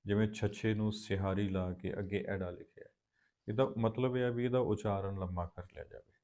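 A man teaching scripture recitation in a Punjabi accent. He chants verses slowly and then explains their pronunciation in plain talk. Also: lowish voice, steady tone, darkish tone. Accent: Punjabi, Malwa. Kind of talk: slow recitation lesson with pronunciation notes.

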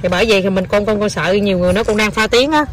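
A woman's voice: medium pitch, racing, noisy background. A young mother with a southern Vietnamese accent, talking casually in a family vlog. She keeps up a chatty stream of coaxing and praise for her child, slipping English words into her speech.

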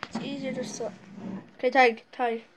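A woman's voice: high-pitched, little pitch movement, normal speed, slight background noise, low-quality recording. A woman chatting casually while playing a video game with a child, playful and teasing, often breaking into shrieks and laughter. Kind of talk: casual gameplay chat.

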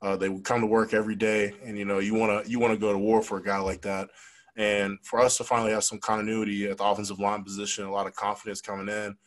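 A man's voice: lowish voice, flat delivery, low-quality recording. A young man, a college football player, answering reporters at a post-game press conference in a frank, conversational way, speaking into a desk microphone. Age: young adult. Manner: frank, fast, conversational with many fillers. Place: press room with logo backdrop. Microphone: desk microphone on stand.

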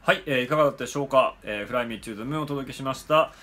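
A man teaching English pronunciation in a lesson, pausing often on "eh" fillers and slowly demonstrating sounds. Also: medium pitch, a bit bright. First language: Japanese. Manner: frequent "eh" fillers, slow careful demonstrations.

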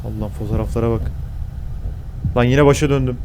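A young man giving casual horror game commentary, swearing a lot and yelping and shouting when he gets startled. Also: mid-range voice, fairly even intonation, fairly quick, noisy background. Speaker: gaming YouTuber.

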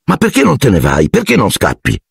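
A polite, awkward boy wizard who keeps his voice hushed and earnest, as a man voices him in an audiobook. The tone is low with a husky rasp. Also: huge pitch swings, fairly quick, dry recording, studio quality, heavily acted. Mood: urgent. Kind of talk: audiobook character voice.

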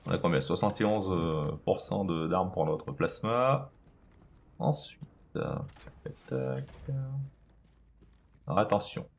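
A man's voice: low voice, vocal fry, a little hiss or hum. A man casually commenting on his own video game play, chatting to himself and to the enemies on screen.

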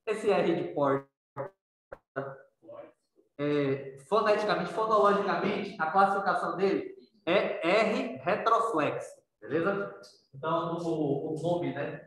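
A man's voice: high voice, a bit bright. A man teaching a class, chatting with his students, asking them questions and often adding "né". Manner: conversational, questions students, frequent tag "né". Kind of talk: interactive writing class on accents. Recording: very echoey room, distant mic.

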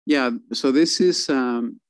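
A man presents a city budget to a council meeting by video call, stumbling through many fillers and restarts. His voice is medium-pitched and smooth, with no echo.

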